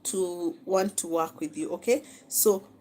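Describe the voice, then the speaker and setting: A woman's voice: lowish voice, measured pace, darkish tone, a little hiss or hum, rough recording. Kenyan woman coaching a live class. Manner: coaching, repeats phrases, frequent "okay?" check-ins. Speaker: social media marketing instructor. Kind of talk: live-streamed masterclass.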